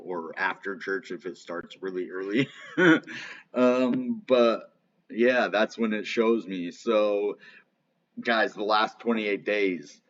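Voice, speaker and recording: A crypto channel host with missing front teeth rambles informally through live market commentary, full of fillers like "you know" and "like." His voice is on the low side, and the lo-fi recording sounds slightly dull.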